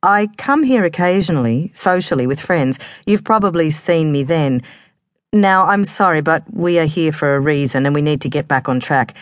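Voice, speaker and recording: A woman's voice: low-pitched, moderate pace, no room sound, studio quality, natural voice. A woman voicing a poised female police detective, polite but firm and businesslike.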